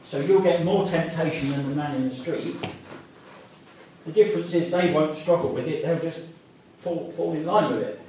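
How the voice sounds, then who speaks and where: A man's voice: on the high side, normal speed, a little mellow, a little hiss or hum. A man preaching a sermon in a conversational, self-deprecating way with personal asides, recorded from a distance in an echoey hall. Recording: echoey distant room mic, dull sound.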